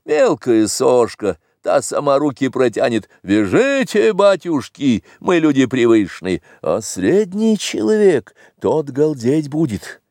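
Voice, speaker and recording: A man's voice: medium pitch, very animated, takes it slowly, hardly any pauses, darkish tone, no echo, clean studio sound. A man reading the lines of a sardonic middle-aged nobleman, ironic and reasoning.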